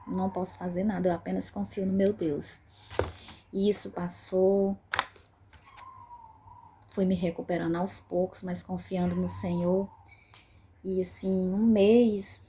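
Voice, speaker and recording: A woman's voice: lowish voice, warm tone, a little hiss or hum. A woman giving an earnest personal faith testimony, repeating phrases for emphasis. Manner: earnest and repetitive, emphatic with frequent fillers.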